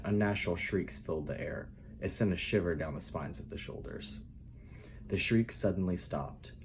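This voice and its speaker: A man speaking softly and calmly as he reads his own fantasy writing aloud in a quiet narrating style. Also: sits low, a little hiss or hum. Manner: quiet, calm, soft-spoken reading. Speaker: writer reading own novel aloud.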